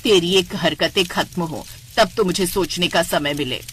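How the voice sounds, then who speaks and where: A woman voicing a sharp-tongued older mother-in-law who scolds and frets in a cartoon story. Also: fairly low pitch, normal speed, a little hiss or hum, natural voice. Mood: scolding. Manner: scolding, nagging. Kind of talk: cartoon voice acting.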